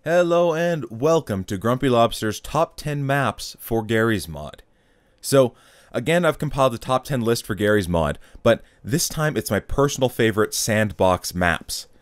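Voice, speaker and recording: A man's voice: medium pitch, animated, moderate pace, smooth, no echo, clean studio sound. A man hosting a gaming video, reading a scripted top ten countdown in a casual, wry way with offhand swearing and asides.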